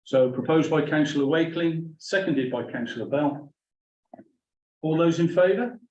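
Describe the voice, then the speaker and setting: Man, fairly high voice, committee chair, courteous procedural delivery, roomy dull recording. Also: normal speed, a little mellow. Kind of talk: formal meeting procedure. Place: indoor council meeting room. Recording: roomy, distant, dull meeting-room recording.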